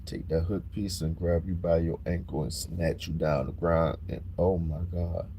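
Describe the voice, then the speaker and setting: Low, dark-voiced man. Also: moderate pace, creaky, a little hiss or hum. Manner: blunt, plain-spoken, animated when worked up. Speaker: livestream host. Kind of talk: casual livestream talk.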